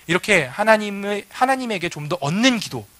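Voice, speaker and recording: Male pastor, bright and lively delivery, relaxed storytelling sermon. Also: high voice, fairly quick, no room sound. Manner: conversational storytelling preaching.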